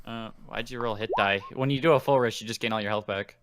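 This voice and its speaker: A man's voice: mid-range voice, fast talker, a bit bright, clean tone, no echo, clean studio sound. A man narrating as game master of a tabletop game, rambling with many fillers and restarts.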